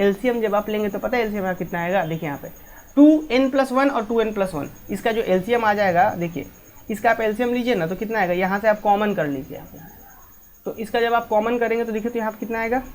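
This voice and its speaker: A woman's voice: fairly high pitch, darkish tone. Woman teaching maths, full of questions. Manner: asks students many rhetorical questions; mixes English maths terms into Hindi. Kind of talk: explaining a lesson step by step.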